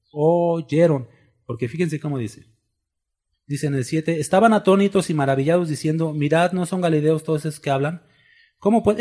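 A man delivers a sermon in a mellow, husky voice. He talks to the congregation conversationally and keeps asking them rhetorical questions. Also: mid-range voice. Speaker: pastor.

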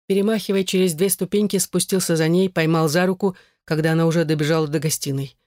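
A man's voice: a little high, fairly even intonation, fast talker, darkish tone, no echo, clean studio sound. A man giving scripted narration of a romance novel audiobook.

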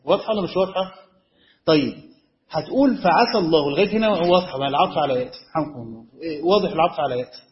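A man's voice: on the high side, animated, rapid-fire. A man with an Egyptian Arabic accent teaching as a sheikh, explaining a text step by step and often checking whether his students follow. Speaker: sheikh teaching Quran commentary. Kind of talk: classroom lecture on a text. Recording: echoey room, dull lo-fi sound.

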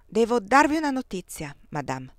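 A woman reading the lines of a gallant, measured male emperor in an audiobook. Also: medium pitch, big pitch swings, no room sound, studio quality, close to an everyday voice. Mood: courtly. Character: Napoleon, male emperor, courtly and teasing.

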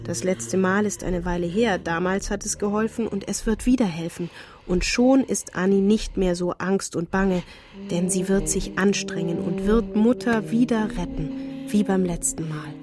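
A woman narrating as a grown daughter in a radio play, quiet, bitter and reflective as she addresses her mother. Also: mid-range voice, normal speed, music in the background, natural voice.

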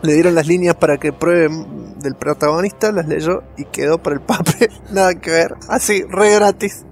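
Co-hosting a podcast, a man with an Argentine Spanish accent speaks at a normal speed in a fairly high voice, with faint music behind him. His talk is casual film trivia delivered colloquially, with words repeated for emphasis.

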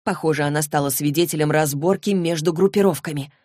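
Low-voiced woman narrating an audiobook. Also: quick pace, darkish tone, no echo, studio quality.

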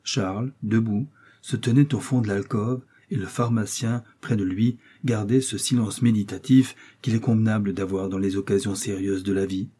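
A man narrating a classic novel as an audiobook, in a measured, grave storytelling manner. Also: on the low side, steady tone, warm tone, slightly rough.

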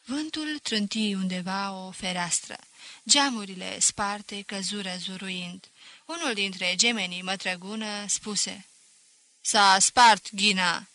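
Bright-voiced woman reading a novel. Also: medium pitch. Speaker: audiobook reader. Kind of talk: scripted novel narration.

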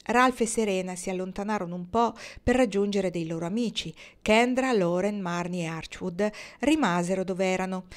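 A woman reading a novel aloud in a measured, expressive storytelling manner. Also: medium pitch. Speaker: audiobook reader.

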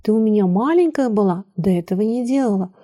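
A stern old nanny in a storybook, scolding and reproachful yet caring, as a woman narrator puts her on. Her voice stays mellow and plain. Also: mid-range voice, lively intonation, fast, natural voice.

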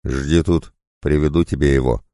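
A man's voice: a bass voice, fairly even intonation, moderate pace, dark tone, no room sound, studio quality. A man voicing a grinning, rotten-toothed male tavern drunk who fawns eagerly. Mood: eager fawning.

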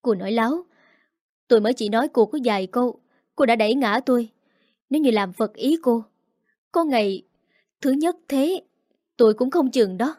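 A woman's voice: fairly high pitch, animated, moderate pace, long pauses, a little mellow, no room sound, clean studio sound. A woman voicing a domineering, scheming middle-aged mother-in-law who talks in a harsh, scolding, contemptuous way. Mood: accusing.

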